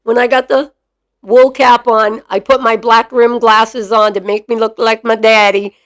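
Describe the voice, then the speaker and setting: A woman in her late fifties with a Boston accent speaks in a slightly high voice. She chats to camera in an animated, joking way, like a storyteller. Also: a little slow. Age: 50s. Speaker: dog breeder and channel host. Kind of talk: casual chat to camera.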